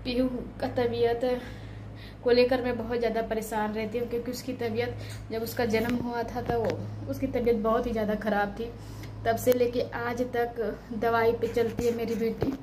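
In this low-quality clip with a bit of hiss or hum, a mother and vlogger in her thirties speaks tearfully and prayerfully about her family and daughters, at times shouting at her children. Her fairly high voice keeps a level tone at a moderate pace, typical of a casual devotional family vlog.

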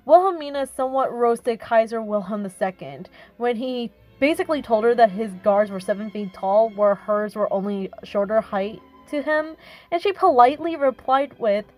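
A woman's voice: fairly high pitch, animated, moderate pace, a little mellow, soft background music, rough recording. A woman hosting her own channel, chatting casually about history while showing her speed art, often correcting herself. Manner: chatty, with frequent self-corrections. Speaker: YouTube artist and channel host.

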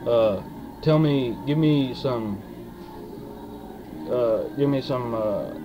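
A young adult man reviews dip in a casual, rambling talk to camera, speaking around the dip in his lip with a drawn-out, hesitant, folksy style. His mid-range voice has its highs cut off, recorded on a webcam mic at arm's length in a small wood-panelled room as country music plays.

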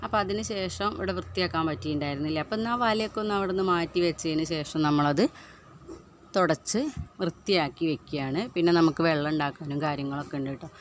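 A housewife vlogger from Kerala, India, chattily narrates her daily chores in a home vlog, tagging sentences with "you know?" while recovering from a tooth extraction. She talks fast in a low voice, with a little hiss or hum on the recording.

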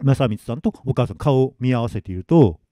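A male storyteller tells a ghost story live, hushed and dramatic, acting out each character in turn. His pitch swings widely, his tone is mellow, and the sound is close and dry. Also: animated, brisk, dry recording. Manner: hushed, dramatic, acts out every voice.

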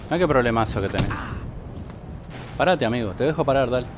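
A man with a Rioplatense accent giving excitable, mocking gameplay commentary and swearing often. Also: mid-range voice, fast talker, background noise. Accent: Rioplatense Spanish. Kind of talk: casual let's-play commentary. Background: game music and gunfire.

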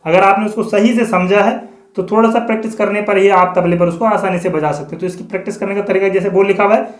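High-voiced man teaching tabla. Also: fairly even intonation. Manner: explains patiently, then slowly recites drum syllables. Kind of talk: online music lesson. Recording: echoey room with loud tabla. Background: tabla playing.

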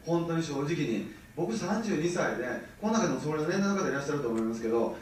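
Lively Kansai man lecturing a meeting. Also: on the high side, fast talker, slight background noise. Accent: Kansai Japanese. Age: 30s. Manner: animated, keeps checking the audience with rhetorical questions. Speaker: business seminar speaker. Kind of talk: motivational seminar talk. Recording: very echoey, mic far from speaker.

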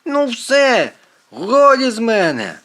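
A man's voice: medium pitch, sing-song, measured pace, fairly bright tone. A man voicing a brainy, precise teenage boy with a fussy, lecturing manner in an audiobook. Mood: alarmed. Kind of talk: audiobook character voice.

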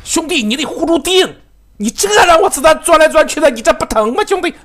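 A man giving excitable, profanity-laced live commentary on his own game, laughing and talking to his teammates. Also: very high voice, fast. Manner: excitable, swears often, laughs, talks to teammates. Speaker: game streamer.

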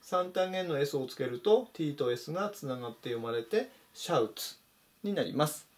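Casting: male English teacher, slightly high voice with a lot of pitch movement, methodical lesson delivery. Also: expressive, normal speed. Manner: methodical, stresses pronunciation points. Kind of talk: explanatory vocabulary lesson.

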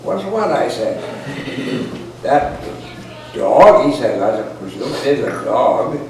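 A man in his eighties or older reads a humorous folk story in a dry, rustic way, his medium-pitched voice slow, sing-song, and a bit dark, with faint music behind him. A distant camera microphone records him in an indoor parlor before a small audience, leaving the sound echoey and noisy.

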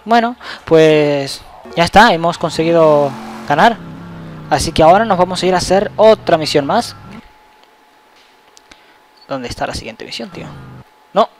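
A young man, giving loose, excitable let's-play commentary and swearing at the game. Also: on the high side, measured pace, long pauses, slight background noise. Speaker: gaming channel host.

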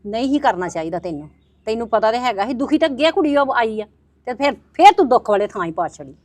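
A woman plays a blunt middle-aged village woman who talks fast and argues hard, sharp with blame. The sound is dry and close. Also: on the high side, sing-song, no echo. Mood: accusing. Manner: fast, accusing, argumentative. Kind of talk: web drama acting.

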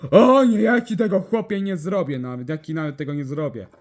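Excitable high-voiced man doing toy play. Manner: excitable, exclaiming, quickly switching between character voices.

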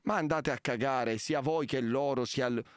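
A man's voice: mid-range voice, normal speed, smooth, dry recording, clean studio sound. A man live streaming late at night, ranting in exasperation and swearing at a prank.

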